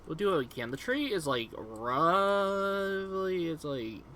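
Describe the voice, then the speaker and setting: A young man chats casually over his gameplay, rambling and upbeat with plenty of fillers. His voice is bright and lively, swinging up and down in pitch. A faint hiss of ambient noise sits underneath. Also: slow. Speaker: gaming video host.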